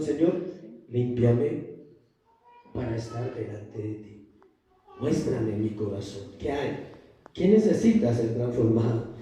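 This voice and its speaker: A man's voice: high-pitched, warm tone, a little hiss or hum. A man preaching a sermon as pastor, emphatic, throwing questions to the congregation and answering them himself. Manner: emphatic call-and-response preaching. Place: church hall. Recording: echoey church hall from far off.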